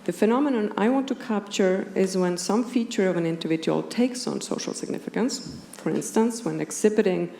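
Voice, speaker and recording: A woman with an Icelandic accent, native to Iceland and its language, delivers a precise, measured academic lecture as a philosopher at a conference. Her voice is on the low side and dark; the partly scripted talk takes place before an audience in a roomy indoor hall where background noise is clearly heard.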